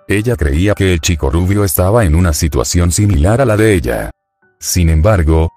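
A man reading a fan fiction story aloud as its narrator, in a steady, even manner of scripted narration. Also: sits low.

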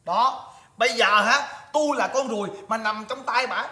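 Woman doing a whiny young southern vietnamese husband, high bright voice, fast, comedy sketch. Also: reverberant. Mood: sulky. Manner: whiny, theatrical protests. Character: henpecked young husband, sulky and childish.

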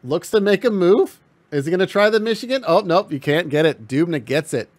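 A man giving casual, excitable play-by-play commentary on a hockey video game stream, laughing often. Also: sits high, a little fast, no room sound.

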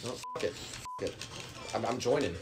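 A man hosting casual gaming chat, joking and excitable, trading banter with friends. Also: medium pitch, moderate pace. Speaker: host. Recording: music playing behind.

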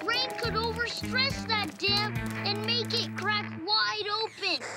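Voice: very high voice, takes it slowly, loud music behind the voice, exaggerated voice. An actor voicing a male cartoon trucker who calls for help over a CB radio, urgent and clipped.

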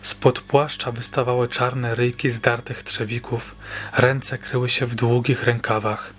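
A man narrating a short horror story as an audiobook reader, in a measured, suspenseful storytelling manner. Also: medium pitch, level tone, slight background noise. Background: faint background music.

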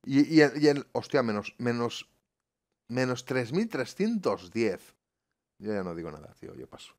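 A man's voice: medium pitch, big pitch swings, a little slow, darkish tone. A man commentating his bus-driving gameplay live home, swearing often and grumbling to his viewers. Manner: swearing, exasperated, talking to viewers. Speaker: gaming YouTuber. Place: home room.

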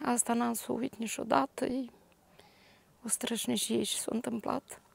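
An older woman with a Moldovan Romanian accent, a grieving grandmother giving a halting, detailed personal testimony. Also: a little high, steady tone, gravelly, breathy edge. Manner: halting, detailed retelling with restarts.

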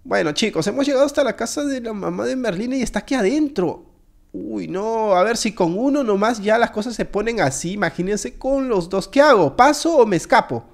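Excitable man commentating a game. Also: high-pitched, a little fast, gravelly. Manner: jokey, excitable, talks straight to viewers. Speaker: gaming video creator. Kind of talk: casual gameplay commentary.

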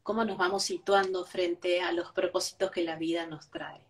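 A woman's voice: fairly low pitch, little pitch movement, moderate pace, recorded from a distance. A woman, a guest giving reflective spiritual talk, who tags each point with a questioning "right?". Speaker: interview guest.

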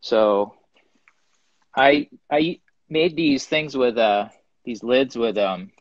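A guest ceramic artist, a man with a medium-pitched voice, speaks slowly and casually from his pottery studio while showing his work on a live video stream. He rambles with plenty of ums. Picked up by a phone or webcam, the audio is dull with no room sound.

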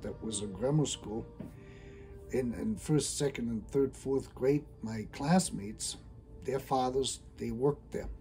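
A middle-aged man from Germany, talking casually and hesitantly about his engineering background, with frequent pauses and restarts. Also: a little high, warm tone. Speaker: hardware engineer, channel host. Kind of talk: casual talk to camera.

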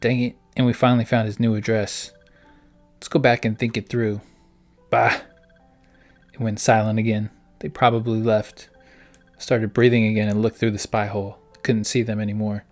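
A man's voice: lowish voice, little pitch movement, moderate pace, a little mellow, faint music behind. A man, the host of a gaming channel, playing through a story game, reading its text aloud and reacting in puzzled asides. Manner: reads dialogue aloud in a plain voice between puzzled asides.

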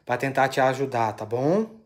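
A man hosting a ghost-hunting vlog from inside an abandoned house, asking questions aloud and dropping into hushed, awed murmurs between them. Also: medium pitch, expressive, normal speed. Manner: anxious, awed. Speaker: paranormal investigator host.

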